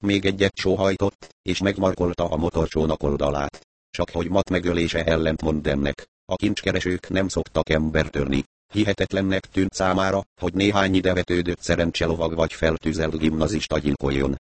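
Deep-voiced male audiobook narrator. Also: fairly even intonation, dry recording. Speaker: audiobook reader. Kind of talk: scripted narration.

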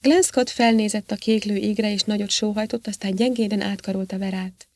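A woman's voice: mid-range voice, steady tone, darkish tone, dry recording. Woman narrating an audiobook, dry sound. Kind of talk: scripted narration.

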